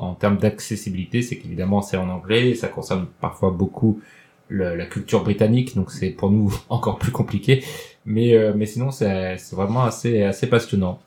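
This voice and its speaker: Low-voiced guy on a podcast, lots of euhs, casual. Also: warm tone. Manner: hesitant, many fillers. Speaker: podcast co-host.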